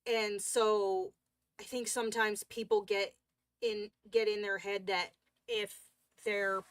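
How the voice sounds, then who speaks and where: A woman's voice: mid-range voice, little pitch movement, slow, dry recording. A woman hosting a coloring livestream, chatting casually and rambling with lots of fillers and restarts.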